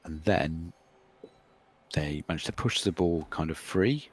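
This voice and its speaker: Very deep voiced guy, halting casual chat about his games, keeps trailing off. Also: slightly rough. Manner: hesitant, restarts sentences, trails off. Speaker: Blood Bowl player recapping his games. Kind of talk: casual chat over game replay.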